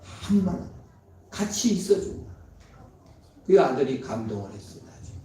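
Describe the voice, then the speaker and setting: A man preaching a sermon as a pastor, dramatic, swinging between loud emphatic lines and hushed tender ones. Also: fairly high pitch, very animated, normal speed, slight background noise. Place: church sanctuary. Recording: very echoey, from far off.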